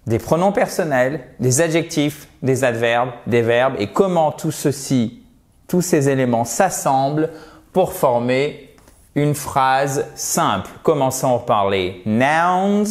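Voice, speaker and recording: A man teaches a beginner grammar lesson at a slow, unhurried pace. His voice sits in a middle pitch, and he explains patiently, often stopping to check that his students are following. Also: animated. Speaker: English teacher.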